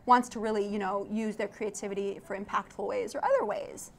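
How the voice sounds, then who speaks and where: Speaking a little fast with some vocal fry, this young woman from Iraq has a medium-pitched voice and fairly even intonation. An architect and tech founder, she is a lively interview guest in an event studio, laughing often through the casual conversation.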